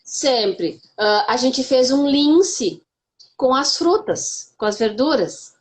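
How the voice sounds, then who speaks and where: A woman's voice: sits high, animated, slow. A woman teacher, explaining her work in a casual interview, with many fillers and step-by-step examples. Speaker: special education teacher.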